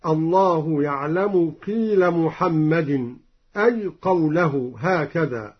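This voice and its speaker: A man teaching the readings of sacred verses, explaining each point in a measured voice and then chanting the verse melodically. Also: fairly high pitch, husky. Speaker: Quran recitation teacher. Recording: dull lo-fi recording.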